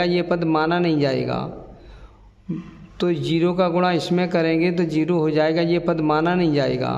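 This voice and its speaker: A man teaching maths, explaining slowly and repeating each point patiently. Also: a little high, darkish tone. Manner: slow, repeats points patiently, mixes English maths words. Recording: echoey room, dull lo-fi sound.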